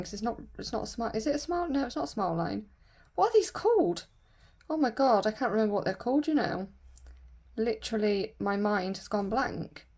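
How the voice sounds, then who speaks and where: Doing her nails on camera, this woman, a nail vlogger, rambles casually with lots of filler words. Her mid-range voice sounds croaky because of a sore throat.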